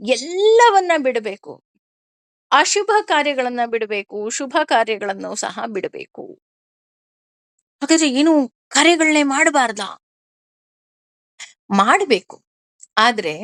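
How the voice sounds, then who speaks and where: Woman, scripture teacher, fairly high voice, dry close sound, questioning tone. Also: no echo. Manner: explains Sanskrit verses line by line with everyday examples; lively, asks listeners questions. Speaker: spiritual teacher. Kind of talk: discourse on scripture.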